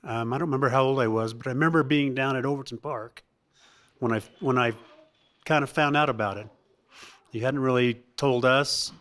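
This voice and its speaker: Middle-aged man reminiscing haltingly. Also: mid-range voice, fairly even intonation, a bit bright. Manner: halting, reminiscing, many restarts and laughs. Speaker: son giving a family tribute. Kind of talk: speech at a family birthday gathering.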